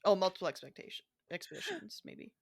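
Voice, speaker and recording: A woman's voice: medium pitch, very animated, fast talker, vocal fry, husky. A woman co-hosting a podcast in casual chat, mostly giving short agreeing replies, dry and hard to impress. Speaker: podcast co-host.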